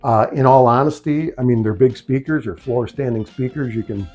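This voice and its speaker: Hosting an unscripted DIY vlog from his small home office, an American speaker builder talks in a loose, rambling way full of asides. His medium-pitched, slightly mellow voice moves at a normal speed, with faint music playing behind him.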